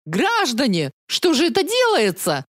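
A woman voicing a loud, indignant female herb trader in an audiobook, wailing and shrill. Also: wildly swooping pitch, measured pace, no echo, clean studio sound, full character voice.

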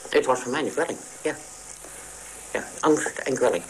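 A man in a radio interview whose voice is electronically distorted and pitch-shifted to hide who he is; he speaks hesitantly, with many halting restarts. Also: a little hiss or hum. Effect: voice distorted to disguise identity, pitch-shifted. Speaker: interviewee, former patient.

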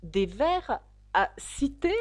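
A woman voicing young Alice, an eager, earnest girl who speaks brightly and emphatically. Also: a little high, sing-song, extremely slow, pitched above the performer's own voice, exaggerated voice.

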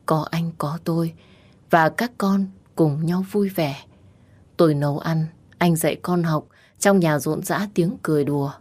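Low-voiced woman reading a story. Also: a little mellow. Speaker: story narrator. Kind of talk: scripted first-person audiobook narration.

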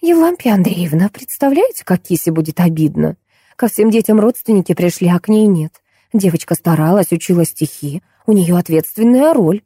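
A woman's voice: on the low side, expressive, normal speed, dark tone, slightly rough, dry recording, studio quality. A woman reading an audiobook, voicing a gushing, fussing kindergarten teacher. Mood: pleading.

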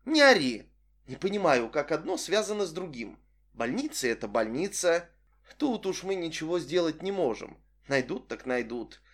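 A man's voice: a little high, moderate pace. Man voicing a cool manipulative young woman. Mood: dismissive. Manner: cool, flat, matter-of-fact.

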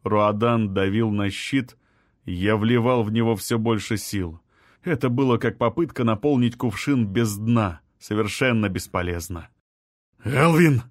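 A man's voice: on the low side, measured pace, no echo, studio quality. Man narrating a fantasy audiobook. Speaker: audiobook reader. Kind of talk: first-person fantasy narration.

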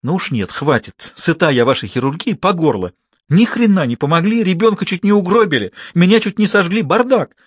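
A man voicing a loud, quarrelsome village woman in an audiobook, shrill and blustering. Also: sing-song, brisk, few pauses, husky, dry recording. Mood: indignant. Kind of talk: audiobook character voice.

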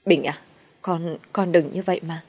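A woman's voice: on the low side, fairly even intonation, normal speed, darkish tone, husky. A woman voicing a harsh, scheming middle-aged mother-in-law who scolds and commands. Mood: pleading.

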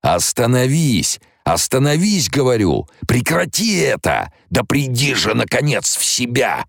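A man reading an audiobook voices a possessed young woman who shouts in the domineering voice of an old tyrant, in frantic commanding bursts. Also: medium pitch, big pitch swings, measured pace, vocal fry, no echo, studio quality, pitched above the performer's own voice, heavily acted.

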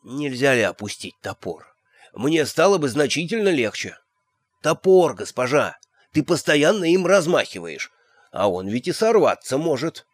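A man's voice: fairly high pitch, very animated, normal speed, no room sound, clean studio sound. A man voicing a nervous young male servant who speaks weakly and timidly. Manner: weak, timid.

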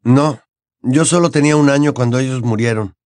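A man voicing a somber teenage boy wizard in an audiobook, in a quiet and grave voice. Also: medium pitch, brisk, dry recording, studio quality, pitched above the performer's own voice, natural voice. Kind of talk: audiobook character voice.

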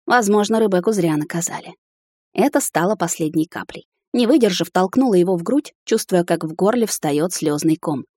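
A woman reading a first-person romance novel, dramatic and sharp-tongued as the heroine. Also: on the low side, lively intonation, normal speed, no echo, clean studio sound. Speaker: audiobook narrator.

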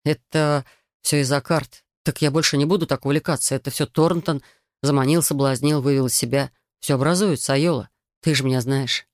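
A woman reading an audiobook voices a young man who slowly and insistently justifies himself to his fiancée. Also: rumbling low, steady tone, a little mellow, no echo, studio quality. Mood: pleading.

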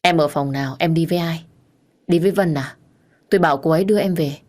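A woman's voice: low voice, fast, darkish tone. A woman voicing a protective former lover, a man who scolds and insists in a storybook reading. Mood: firm.

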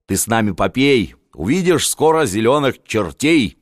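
A man's voice: medium pitch, big pitch swings, normal speed, no room sound, studio quality, lightly acted. A man reading an audiobook, voicing a crude, brash ex-convict jester in a raised voice. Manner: coarse, brash.

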